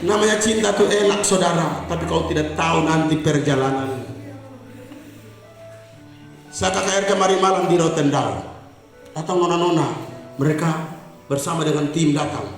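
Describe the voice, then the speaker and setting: A male pastor with a Kupang Malay accent preaches to young people in an emphatic, joking way. His voice sits high for a man and booms around a very echoey hall. Faint music plays underneath. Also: normal speed, pauses often. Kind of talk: youth camp sermon. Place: church hall at a youth camp.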